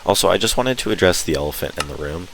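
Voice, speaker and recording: A man's voice: sits low, lively intonation, fast talker, a bit bright, low-quality recording. A man giving an enthusiastic, informal walkthrough commentary as host of a gameplay video. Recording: clear background noise.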